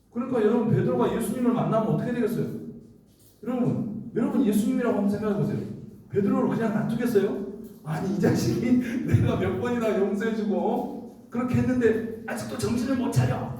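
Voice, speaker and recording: A man preaching a lively, interactive sermon to a youth group, quizzing the listeners and acting out the voices in the story. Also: a little high. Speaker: youth pastor. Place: church hall. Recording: distant mic in echoey hall.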